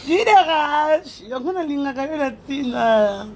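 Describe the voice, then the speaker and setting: High-voiced, animated woman on a live stream. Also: normal speed, slight background noise. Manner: animated, laughing often, calling out viewers' names. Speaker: live streamer reading viewer comments. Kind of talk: casual live chat, switching between Lingala and French.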